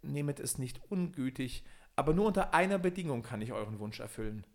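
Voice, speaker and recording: Man doing a lamenting owl princess, raised pitch, plaintive, fairy tale audiobook. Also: expressive, brisk, lightly acted. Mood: eager. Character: sorrowful enchanted owl princess, female, young.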